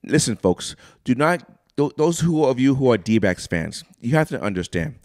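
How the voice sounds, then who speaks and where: A male podcast co-host in casual sports chat, his voice swinging widely up and down as he pitches his takes straight to the listeners. He sounds close on a studio mic, in a dry room with no echo. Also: moderate pace. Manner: lively, hyped, talks straight to listeners. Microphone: studio microphone.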